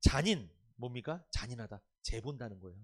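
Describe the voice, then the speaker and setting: At a Sunday afternoon sermon, a male pastor preaches emphatically in a medium-pitched, lively voice at a brisk pace. He often puts questions to the congregation and has them repeat phrases.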